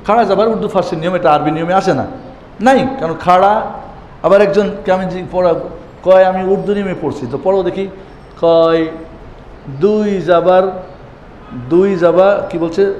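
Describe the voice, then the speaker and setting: A man teaching Quran reading to a class, asking pointed rhetorical questions and chanting letters and verses in drawn-out tones. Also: on the high side, a little mellow. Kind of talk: classroom lesson. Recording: echoey room with long reverb, faint background noise.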